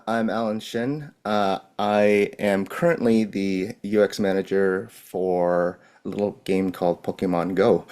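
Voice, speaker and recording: Man in his forties, very low and even voice, relaxed and upbeat, video call guest. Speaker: guest, UX manager. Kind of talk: casual self-introduction.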